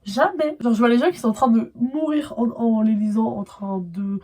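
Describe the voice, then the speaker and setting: A young woman talks through her recent reads in a casual vlog. She is chatty and animated, leans on filler words and breaks into bursts of excitement. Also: on the high side, normal speed. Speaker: booktuber reviewing her reads. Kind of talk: casual book review vlog.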